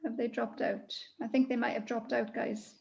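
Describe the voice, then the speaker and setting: A woman's voice: on the high side, level tone, moderate pace, vocal fry, darkish tone. A woman hosting an online school event over a video call, prompting participants in an informal way. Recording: dull video-call audio.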